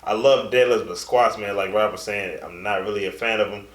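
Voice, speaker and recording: A man's voice: on the low side, steady tone, a little fast. A young man co-hosting a casual fitness chat, talking in a laid-back, loose way with trailing fillers. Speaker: co-host. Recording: echoey room.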